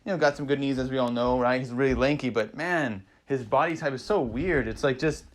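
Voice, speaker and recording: A man casually recapping fight results, excitable and rambling, swearing freely and peppering his talk with "man" and "you know". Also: mid-range voice, brisk. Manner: acts out fighters' thoughts in quoted asides. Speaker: MMA vlogger recapping fights.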